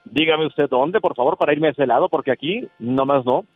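A man's voice: on the high side, fairly quick. Male call-in guest, Mexican accent, conversational delivery over a muffled remote feed with faint music underneath. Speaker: guest on a live call-in show. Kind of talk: casual conversation. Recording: dull lo-fi remote audio.

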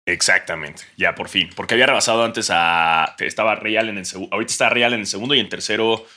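A man's voice: fairly low pitch, fast talker, bright, forceful tone. A young man with a Mexican accent, co-hosting a podcast in joking, slangy banter. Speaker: podcast co-host. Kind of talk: casual chat.

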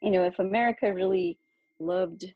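A woman's voice: on the low side, normal speed, no room sound, phone-quality sound. A woman military veteran, a guest in an interview, speaking bluntly and candidly with dry sarcasm. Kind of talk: conversational interview.

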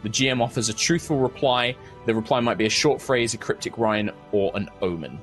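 A man's voice: mid-range voice, fairly quick, a bit bright, soft background music. A man narrating and refereeing a tabletop game as the game master, explaining rules and describing scenes.

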